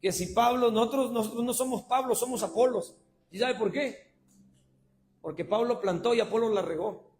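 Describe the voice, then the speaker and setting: A man preaching a sermon, swinging between shouted passionate lines and low conversational asides. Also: moderate pace.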